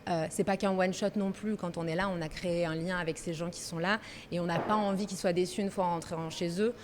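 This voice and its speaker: A pastry workshop manager from Marseille, France, in her thirties, speaks in a low-leaning, steady voice at a brisk pace, with background noise behind her. In a casual interview she talks easily, if a little hesitantly, thinking aloud as she goes.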